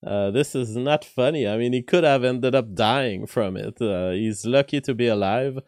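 A man with a weak voice, hosting a casual livestream commentary in halting, deliberate phrases. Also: medium pitch, a little mellow, no echo, studio quality. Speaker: livestream host. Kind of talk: casual livestream commentary, reading viewer messages.

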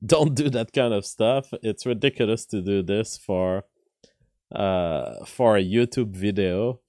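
Weak-voiced man, low. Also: unhurried, dark tone, no room sound, clean studio sound. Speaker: livestream host. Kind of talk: casual livestream commentary, reading viewer messages.

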